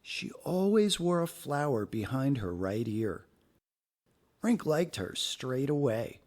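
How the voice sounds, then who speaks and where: Reading a picture book for children, a man uses a creaky voice on the high side. He tells the tale in a deliberate, expressive way.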